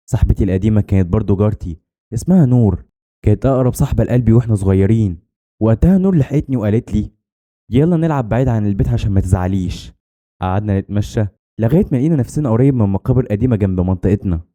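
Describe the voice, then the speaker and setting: A man's voice: on the low side, warm tone. A man with an Egyptian accent narrating a first-person horror story in a dramatic, scripted storytelling manner. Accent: Egyptian Arabic.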